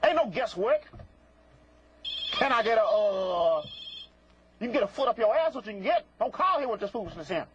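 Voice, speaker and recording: A high-voiced man hosts a live phone-in psychic show on TV, fielding prank callers with swooping, theatrical delivery. Very animated at normal speed with frequent pauses, he's sassy and scolding, repeating folksy colloquial phrases full of double negatives. The broadcast sounds muffled and lo-fi, with clear noise and clicks.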